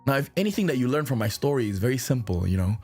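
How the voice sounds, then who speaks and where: A man with an Indonesian accent and a husky, breathy voice tells an earnest motivational story to his vlog audience. He mixes English with Indonesian phrases, and soft music plays underneath. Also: medium pitch, very animated, racing. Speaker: vlogger.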